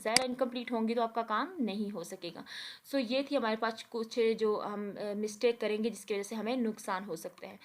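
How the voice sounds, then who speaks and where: A woman giving a recorded lecture over a shared page. She explains step by step, often checking with "theek hai", and reads English lines slowly word by word. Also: a little high. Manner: explains with repeated "theek hai" and Urdu-leaning words.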